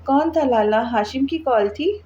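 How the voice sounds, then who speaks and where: A woman's voice: high voice, unhurried, warm tone, highs cut off. A woman voicing a tearful young woman in a read-aloud novel, sobbing and pleading.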